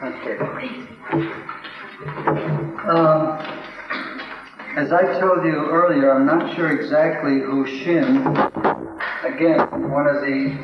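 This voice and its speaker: A man's voice: on the high side, fairly even intonation, unhurried, music in the background. A man giving an anecdotal lecture to an audience, telling stories in a wry way and chuckling at his own tales. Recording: roomy, dull lo-fi recording.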